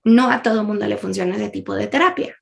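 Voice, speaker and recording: A woman's voice: mid-range voice, fast talker, gravelly. A woman, a guest in an interview, telling a personal story in an earnest, candid way with frequent laughs and fillers.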